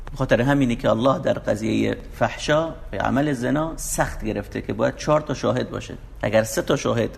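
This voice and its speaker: Gravelly-voiced man preaching. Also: lowish voice. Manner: explains Quranic verses line by line, emphatic and urging. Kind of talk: sermon.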